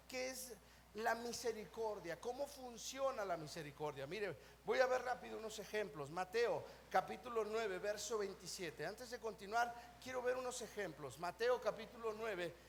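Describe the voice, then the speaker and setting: A Mexican man preaching a sermon at a live church service, asking the congregation questions and answering them himself, sometimes mimicking whiny prayers in a soft mocking voice. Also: high voice, animated, normal speed, vocal fry. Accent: Mexican Spanish. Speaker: pastor. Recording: live church service with faint background noise.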